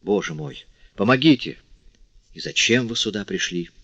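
Male reader as an anxious young man, urgent questions, deep voice, dull lo-fi audiobook sound. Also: expressive, normal speed, a bit bright, slightly rough, dry recording. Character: anxious young man tending a wounded girl. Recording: dry, slightly dull audiobook recording.

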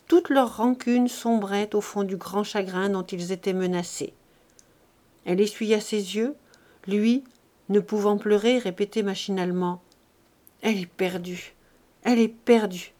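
A woman reading a nineteenth-century novel aloud as an audiobook. Her delivery is measured and steady. Her voice sits at an ordinary middle pitch. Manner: measured, even storytelling. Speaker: audiobook reader. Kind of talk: scripted narration of a novel.

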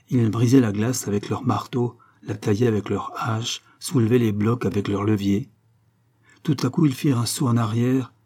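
A man reading a story aloud as narrator, with measured, grave delivery. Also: medium pitch, mellow. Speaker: audiobook narrator.

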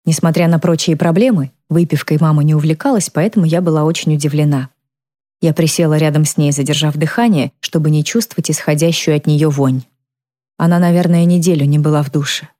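Woman reading a first-person novel, calm and even, deep mellow voice. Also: fairly quick. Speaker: audiobook narrator.

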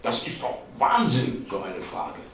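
A man's voice: mid-range voice, lively intonation, slow, a little hiss or hum, voice pushed up. A man reading aloud and voicing a sarcastic, indignant male office scholar who mocks bureaucratic jargon, his voice raised in exasperated bursts. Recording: echoey hall, voice far from mic.

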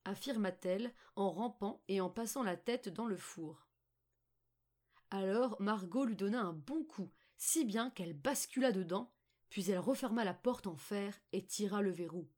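Woman calmly narrating a fairy tale. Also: mid-range voice, moderate pace. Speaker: audiobook reader. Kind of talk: storybook narration.

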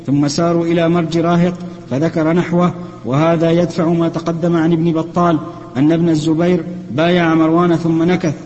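A man reading a classical text aloud for his teacher in a lesson, steady and even, correcting himself now and then. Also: a little high, big-room sound, dull audio. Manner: steady, even recitation with small self-corrections.

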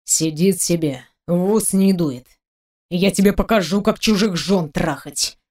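A betrayed husband, jealous and furious, his voice dropped low and heavy, as a woman narrator puts him on. He drags out each sneering threat slowly, full of menace. This is a storybook villain of the moment, bitter to the bone. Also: lightly acted. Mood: menacing.

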